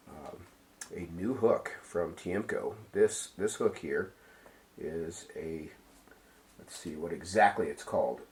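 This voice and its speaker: Man, very low voice, fly tying instructor, casual demo, rambling, lots of filler words. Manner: relaxed, rambling, many ums and uhs. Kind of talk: casual how-to demonstration.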